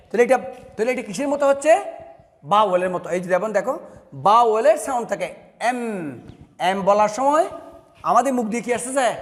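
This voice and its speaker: A man's voice: sits high, in a large hall. A male teacher with a Bangladeshi accent, explaining a lesson step by step and answering his own questions. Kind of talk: online classroom lesson.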